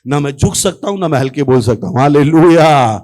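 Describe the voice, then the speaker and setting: A man preaching as a pastor in an animated sermon, often calling out exclamations to his congregation. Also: mid-range voice, fast talker. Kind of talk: lively Hindi sermon.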